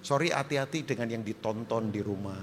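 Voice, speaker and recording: Animated pastor preaching in a reverberant hall. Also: male voice, medium pitch, brisk, a little hiss or hum. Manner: animated preaching with jokes, swings from loud shouts to quiet. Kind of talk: sermon.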